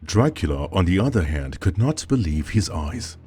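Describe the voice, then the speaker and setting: A man narrating a scripted horror story as storyteller, with dramatic, expressive delivery. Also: sits low, normal speed, faint music behind.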